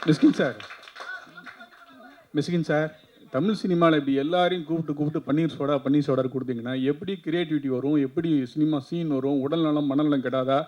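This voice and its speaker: A man's voice: a little high, fairly even intonation, brisk, lo-fi sound. A male reporter putting playful, needling questions at a press meet.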